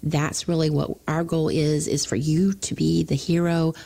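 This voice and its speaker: A middle-aged woman from Florida, a financial advisor talking casually on a radio show, chatty with quick asides. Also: low-pitched, flat delivery, vocal fry, mellow.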